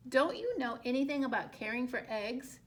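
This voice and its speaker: A woman voicing an excitable, bossy, possessive male duck who scolds and exclaims in a read-aloud story. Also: high voice, moderate pace. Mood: scolding.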